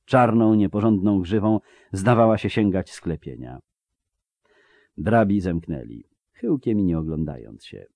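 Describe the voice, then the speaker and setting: A man in scripted audiobook narration, telling the story in a measured, dramatic way. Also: low voice, lively intonation, gravelly, a little mellow, no room sound.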